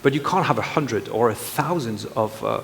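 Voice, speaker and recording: A man's voice: medium pitch, expressive, moderate pace, vocal fry. A male panelist speaking hesitantly with many fillers and slightly non-native phrasing. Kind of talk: panel discussion. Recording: reverberant hall with faint noise.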